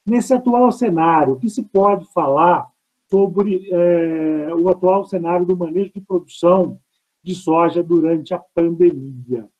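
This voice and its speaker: A man's voice: high voice, unhurried, darkish tone, rough recording. A Brazilian man, a professor, explaining step by step in an online lecture, heard through a thin headset mic on a video call. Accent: Brazilian Portuguese. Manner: explains step by step, asks himself rhetorical questions. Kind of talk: online lecture answering audience questions.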